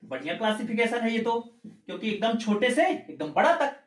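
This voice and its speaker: A man at a moderate pace, with a very high voice and big pitch swings, runs an exam-prep grammar class. He breaks things down step by step, throws out rhetorical questions, repeats points, and checks in with "ठीक है". The recording sounds echoey.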